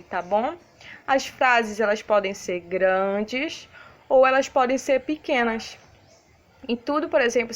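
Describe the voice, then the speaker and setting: A woman's voice: a little high, fairly bright tone. Patient Brazilian woman teaching small children. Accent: Brazilian Portuguese. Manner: patient, didactic, checks in often with "né, crianças?". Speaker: primary school teacher. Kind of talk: recorded lesson for young children.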